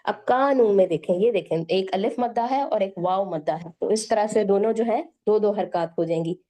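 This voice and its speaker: A woman teaching a Quran recitation class, patiently sounding out syllables slowly one by one and checking in with her students. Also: medium pitch, warm tone. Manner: slow, drawn-out syllable-by-syllable demonstration; patient, repeats "theek hai" to check in.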